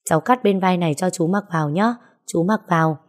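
A woman's voice: lowish voice, brisk, close to an everyday voice. A woman voicing a devoted young woman in an audio story who coaxes and pleads. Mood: coaxing. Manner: pleading, coaxing.

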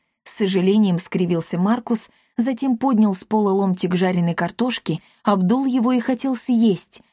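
A woman's voice: on the low side, no room sound. Woman reading a storybook aloud, dry sound. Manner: lively, dramatic. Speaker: audiobook narrator.

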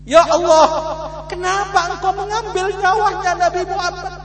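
A man's voice: very high-pitched, flat delivery, normal speed, music in the background, voice pushed up. A man voicing a grieving old woman who pleads tearfully in prayer, in an echoey hall with a humming noise. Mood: tearful pleading.

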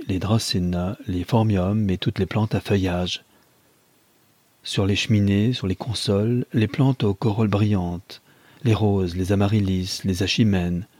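A man reading a novel aloud in measured, even narration. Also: on the low side, slightly rough, no room sound.

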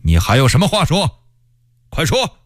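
A man's voice: deep voice, expressive, unhurried, no echo, clean studio sound, voice pushed down, exaggerated voice. A male storyteller voicing a stern middle-aged male rebel leader who speaks in a commanding, heavy way.

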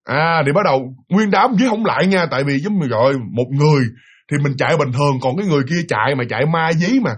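A man's voice: a little high, animated, fast, breathy edge. A man telling a spooky story, acting out the voices of the people in it.

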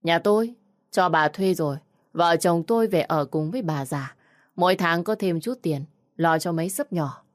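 A woman's voice: fairly low pitch, normal speed, no echo, clean studio sound, close to an everyday voice. A woman voicing a blunt young village man in an audio story.

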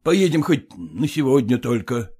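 A man voicing a stern elderly father who coaxes his daughter in a gruff, insistent way. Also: medium pitch, big pitch swings, measured pace, dark tone.

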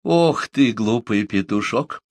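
A man voicing a huge, laughing Tahitian woman who teases and mocks in a booming voice. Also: lively intonation, slow, no echo, studio quality. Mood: teasing. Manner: booming, mocking, laughing through words.

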